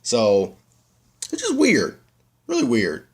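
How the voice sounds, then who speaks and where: A man chatting casually on his vlog, slightly winded, rambling and then breaking into animated rants. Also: medium pitch, slow. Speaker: vlogger.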